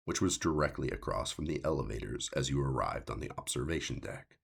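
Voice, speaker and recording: This is an author narrating his own sci-fi story for an audiobook, reading from a script in a measured, deliberate way. His rumbling low voice is gravelly and husky, and his delivery is expressive.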